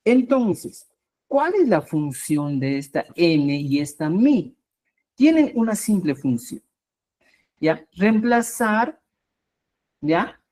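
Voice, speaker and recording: A woman teaching a live online language class in a lowish voice. She takes her time, repeats her key points, and keeps checking in with a quick "¿ya?". Her emphasis rises on each new term she introduces. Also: sing-song, warm tone. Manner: checks in with a constant "¿ya?"; slow, repetitive explanations with rising emphasis.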